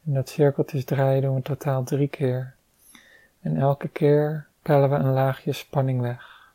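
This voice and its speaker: A meditation guide leading a calm relaxation exercise, giving soft-spoken, unhurried instructions with long pauses. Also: mid-range voice, dry recording.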